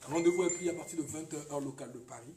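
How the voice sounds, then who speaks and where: A radio guest from the Ivory Coast speaks fast in a warm, higher-pitched voice during a casual chat. He hesitates, repeats words and occasionally stresses points. The room echoes, he sounds distant, and there's faint noise.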